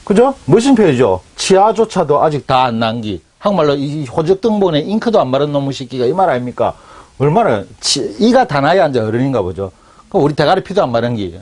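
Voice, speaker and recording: A middle-aged man teaching Chinese in a chatty, animated way, often asking his students for agreement. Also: medium pitch, fast. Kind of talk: casual lecture.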